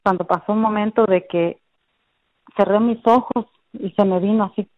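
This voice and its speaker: A middle-aged woman giving an earnest personal faith testimony, circling back over her words with frequent fillers. Her voice sits at an ordinary pitch. The recording sounds somewhat dull and lo-fi. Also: steady tone, moderate pace. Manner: earnest, repetitive storytelling with many fillers.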